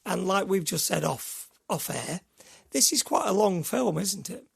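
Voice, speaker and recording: Gravelly, husky man chatting. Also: high voice, expressive, a little slow. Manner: chatty, rambling storyteller. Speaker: podcast co-host. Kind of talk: casual chat.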